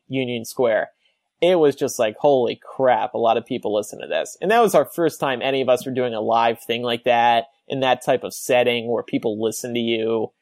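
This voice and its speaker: A young man hosting a relaxed call-in podcast, chatting loosely with plenty of ums and easy laughter. His voice sits at an ordinary pitch and sounds close and dry, with no room around it. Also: no echo. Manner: laughs often, rambling with many fillers. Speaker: podcast host. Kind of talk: casual call-in podcast chat.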